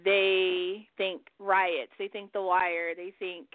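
A woman's voice: lowish voice, flat delivery, takes it slowly, dry recording. A woman hosting a radio show in casual chat, who swears freely and laughs often. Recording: dry, phone-like line.

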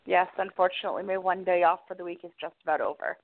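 A woman's voice: on the low side, fairly even intonation, fast talker, dry recording. A woman chatting casually as a co-host on a talk show. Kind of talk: casual chat. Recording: thin phone-line sound.

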